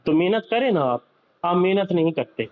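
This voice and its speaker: A man's voice: sits high, expressive. A young man giving a motivational talk to his sales team, lecturing and repeating his points as he speaks straight to the listeners. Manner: lecturing, repetitive, addresses listeners directly. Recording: slightly dull, lo-fi audio.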